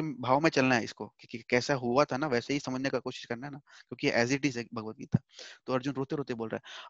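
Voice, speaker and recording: A man's voice: mid-range voice, dry recording, lo-fi sound. A man teaching a Hindi scripture class online from home, explaining patiently, repeating points and mixing in English words.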